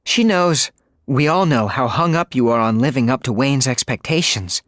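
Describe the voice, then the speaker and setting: A man voices a blunt, teasing teenage girl in a needling mood, pitching above his own natural voice into the mid range. His intonation is lively, his tone fairly bright and his pace moderate, with clean studio sound and no room sound.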